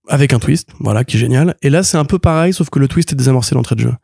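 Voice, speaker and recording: A man's voice: mid-range voice, brisk, vocal fry, warm tone, slightly rough, no room sound, clean studio sound. A man co-hosting a casual comics podcast, rambling with fillers and restarts, talking enthusiastically. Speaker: podcast co-host. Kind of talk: casual chat reviewing comics.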